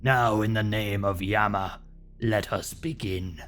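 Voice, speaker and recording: Man acting a stern demonic judge, possessed solemn delivery, low pitch, very measured pace, game role-play, music underneath. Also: fairly even intonation, a bit bright. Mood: menacing, judging. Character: stern demonic judge pronouncing doom in fire and blood. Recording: music behind the voice.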